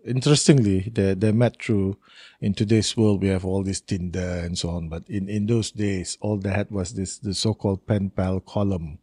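Brief: man, 60s, from Brunei, guest, low husky gravelly voice, dry close sound, rambling storyteller. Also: fairly even intonation, normal speed, dark tone, no echo. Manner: rambling, storytelling with laughs and restarts. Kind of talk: casual interview chat.

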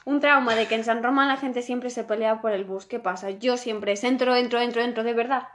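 Young woman, excitable storyteller in casual chat, high voice. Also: brisk, a little hiss or hum. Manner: excitable storytelling, often laughing. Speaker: friend in the chat.

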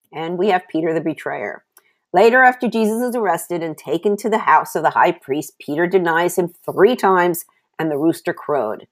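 A woman hosting a Bible teaching podcast, telling the stories in an animated way and adding conversational asides. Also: on the low side.

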